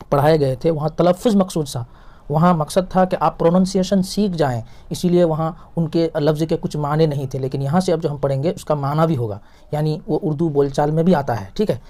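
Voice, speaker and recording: A man with a mellow, slightly high voice leads a reading lesson. He sounds out each syllable slowly and repeats the examples, patient and methodical. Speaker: Urdu teacher.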